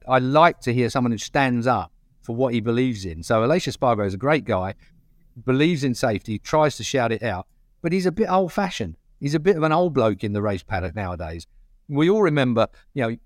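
A man's voice: mid-range voice, no room sound. Opinionated Essex man, close dry sound. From Essex, England. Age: middle-aged or older. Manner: blunt, colloquial, emphatic. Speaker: motorcycle racing pundit. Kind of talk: opinionated casual panel talk.

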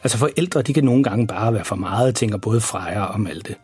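Man, bedtime story narrator, husky, measured, faint music behind. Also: fairly low pitch, darkish tone. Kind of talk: children's bedtime story reading.

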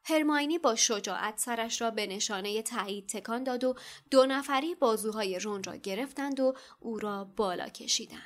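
Woman reading a book chapter out loud, steady, slightly high voice. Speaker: podcast co-host reading aloud. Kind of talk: reading a novel passage aloud.

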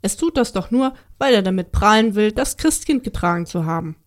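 A woman's voice: medium pitch, lively intonation, a little fast, close to an everyday voice. A woman voicing a small, indignant male angel in a children's story. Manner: indignant, complaining.

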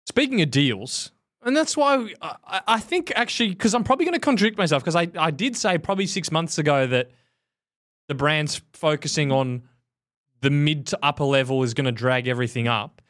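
A man's voice: a little high, expressive, brisk, a bit bright. A man co-hosting a cycling podcast, talking in blunt, casual chat and laughing often. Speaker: podcast co-host.

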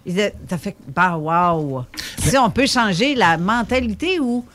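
A woman's voice: mid-range voice, animated, unhurried, a bit bright. A woman with a Québécois French accent, co-hosting a podcast in a chatty, teasing way. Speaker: podcast co-host. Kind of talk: casual chat.

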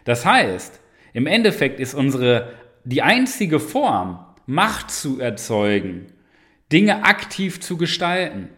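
A man's voice: mid-range voice, sing-song, slow pace, fairly bright tone. A man coaching the listener in a motivational monologue, emphatic and direct, often tagging on rhetorical questions. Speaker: self-help coach.

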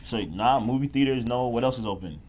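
Young man, Toronto accent, rapid delivery, slangy teasing bro banter, faint background noise. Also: mid-range voice, darkish tone. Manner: slangy, profane, teasing frat-bro talk. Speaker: podcast co-host. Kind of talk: casual banter among friends.

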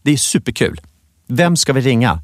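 A man's voice: mid-range voice, big pitch swings, no echo. A man co-hosting a podcast, playful and teasing in casual chat. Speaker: podcast co-host.

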